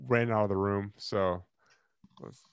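A man's voice: on the low side, steady tone, a little slow, clean tone, no room sound, studio quality. A man hosting a casual podcast, rambling and restarting often, his mic glitching and distorting his voice. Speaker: host.

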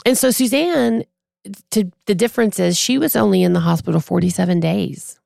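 Gravelly-voiced woman telling a story. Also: medium pitch, a little fast, dry recording, studio quality. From Texas. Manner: animated, acts out quoted voices. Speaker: podcast guest. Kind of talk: casual storytelling.

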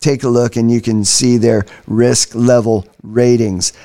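A man's voice: mid-range voice, little pitch movement, a little slow, warm tone. A man hosting a political talk program, speaking in an emphatic commentary monologue that repeats key phrases and acts out quoted people. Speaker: radio talk show host.

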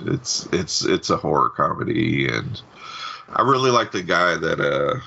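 A man with a very low, gravelly voice, sharp and forceful in tone, recounting a movie plot in relaxed podcast chat. The audio is dull and lo-fi. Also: unhurried, slight background noise. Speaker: podcast co-host. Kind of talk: casual chat about films.

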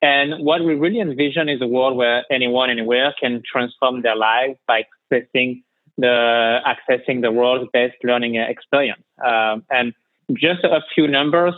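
A French man in his thirties with a French accent and a medium-pitched voice is a guest on a remote podcast interview, speaking hesitantly and filling his talk with fillers. He comes through a call line, so the sound is dry and tinny with no echo.

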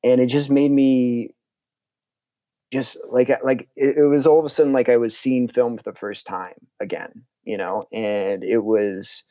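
With a slightly mellow, lowish male voice, the interviewed filmmaker, a young man from Connecticut, USA, chats casually. His enthusiasm shows as he rambles and keeps restarting, and there's no echo.

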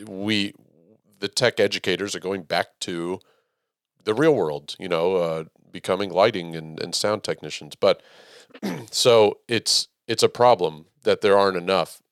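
A man hosting a casual interview, talking in a measured, even way that he calls monotone himself. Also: low voice, clear, resonant tone, no room sound, studio quality. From Texas. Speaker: podcast host, theater educator.

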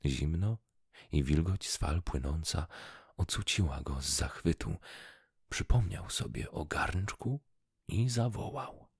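A man reading a fairy tale aloud as a storyteller, in an unhurried, gravelly way. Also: rumbling low, expressive, no room sound, clean studio sound. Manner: slow, husky and gravelly.

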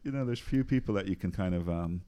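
Low-pitched and dark, this man talks at a quick pace. He's a physician-researcher from Trinidad in his forties, a relaxed interview guest who laughs frequently and keeps restarting his sentences between plenty of ums.

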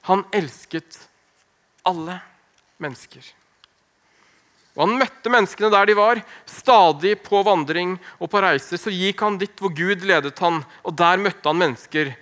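A man preaching a sermon, earnest and emphatic, slowing down on key phrases and dropping to a hush. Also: sits high. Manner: earnest, slow emphatic phrasing with wide swings in loudness.

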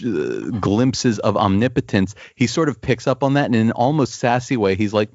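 A man with a lowish voice chatting casually about comics, enthusiastic and stumbling over repeated words as he hunts for the right phrase. The sound is dry and a little dull, like a lo-fi recording. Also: lively intonation, moderate pace, no room sound. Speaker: podcast co-host discussing comics. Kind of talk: casual chat.

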